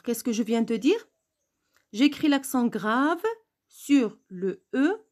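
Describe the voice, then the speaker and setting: A woman teaching a French grammar lesson. She speaks slowly and repeats key words and letters to stress how they are pronounced. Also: fairly high pitch, darkish tone.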